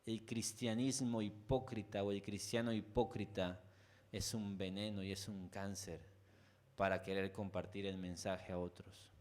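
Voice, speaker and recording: A man with a Mexican accent preaching a conversational sermon. He speaks straight to his listeners with frequent asides, swinging between loud, emphatic peaks and quiet, low lines. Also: flat delivery, measured pace. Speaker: pastor.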